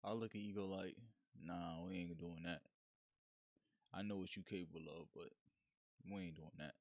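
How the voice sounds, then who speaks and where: A man's voice: deep voice, fairly even intonation, normal speed, a little mellow, dry recording. A man hosting a solo podcast, talking in a frank, slangy, laid-back way in a casual monologue. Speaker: podcast host.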